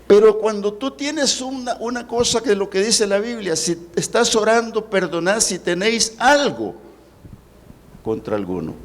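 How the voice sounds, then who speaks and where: A man, a pastor preaching a sermon at a church service, with dramatic swings in pitch and slowed words for emphasis.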